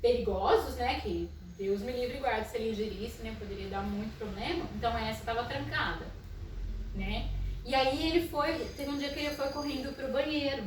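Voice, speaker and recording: A Brazilian woman, a psychologist, talking casually about school inclusion in her naturally loud voice. She tells stories and keeps tagging her sentences with "né?". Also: on the high side, normal speed, a little hiss or hum. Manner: storytelling with frequent "né?" tags and soft laughs. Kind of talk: casual educational talk. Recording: echoey room, mic at a distance.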